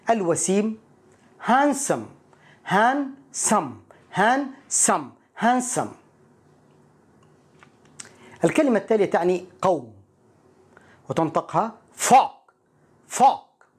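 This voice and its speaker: A woman teaching English pronunciation, repeating each word slowly and clearly so learners can copy it. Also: on the low side, a little mellow. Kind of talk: pronunciation lesson with repetition drills.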